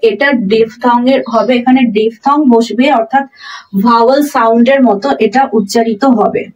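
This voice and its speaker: A fairly high-voiced woman explains pronunciation as a teacher. She repeats each example word slowly and with care. Her voice sounds a bit distant from the mic. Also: fairly even intonation, muffled recording.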